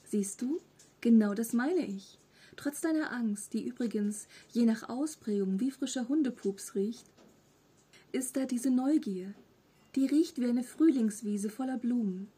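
A woman reading an audiobook, voicing a small, friendly, three-hundred-year-old furry monster with a pleasantly rough, half-whispered voice and a mischievous manner. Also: medium pitch, a little slow, mellow. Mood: cheeky friendly. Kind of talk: audiobook character voice.

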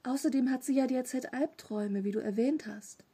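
A woman's voice: sits high, normal speed, dark tone, breathy edge. A woman reading a storybook, voicing an earnest, questioning nine-year-old boy.

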